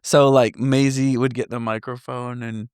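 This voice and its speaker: A man co-hosting a casual home podcast, telling stories with eager, animated energy. His pitch sits at an ordinary middle height, and he sounds close and dry on the mic, with no room around him. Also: a little slow, clean tone, no echo. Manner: enthusiastic, animated storyteller. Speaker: podcast co-host; father of young kids. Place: home in Southeast Michigan.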